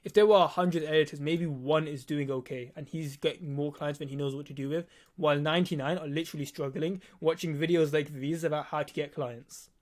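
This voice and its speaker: He's nineteen, has a lisp, and edits videos, and here he's teaching his channel's audience in a blunt, casual way, swearing and repeating himself for emphasis. The voice is on the high side, brisk, with fairly even intonation.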